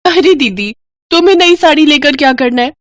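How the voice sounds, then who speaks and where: A woman's voice: high-pitched, expressive, normal speed, no echo, clean studio sound, voice pushed up. A woman voicing a spoiled, rich young daughter-in-law in a cartoon story, with a chirpy, mocking tone.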